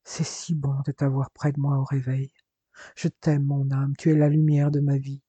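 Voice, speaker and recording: A man voicing a tender man facing surgery, worried and soft-spoken, with a husky voice. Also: a little high, fairly even intonation, moderate pace, no echo.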